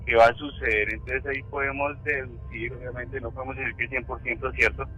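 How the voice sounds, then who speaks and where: Bright-voiced caller with music behind. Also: male voice, medium pitch, little pitch movement, quick pace, poor audio. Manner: hesitant, searching for words. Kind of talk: call-in opinion on a radio show.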